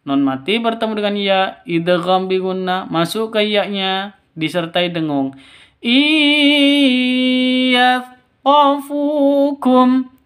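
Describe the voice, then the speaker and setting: A man's voice: sits high, measured pace, smooth. A man teaching Quran reading rules step by step, patient, repeating each rule twice. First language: Indonesian. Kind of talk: step-by-step recitation lesson.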